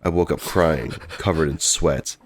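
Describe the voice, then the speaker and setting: Extremely deep-voiced male horror narrator. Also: a little slow. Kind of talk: dramatic first-person scripted narration. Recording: loud music bed behind voice. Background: music.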